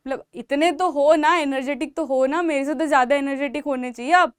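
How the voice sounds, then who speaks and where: Young Indian woman, high-pitched, loud emphatic biology teacher, dry close recording. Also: fairly even intonation, a little fast, no echo. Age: young adult. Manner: emphatic, repetitive, motivational, calls out loudly to students. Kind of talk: exam-prep lecture in Hindi mixed with English.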